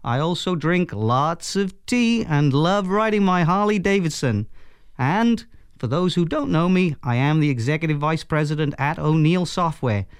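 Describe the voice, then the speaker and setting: A Welsh software executive playfully steps in as guest host of a podcast for the day, speaking in an upbeat, jokey way. His voice is on the high side with lively intonation and normal speed. The studio-quality recording is smooth and free of echo.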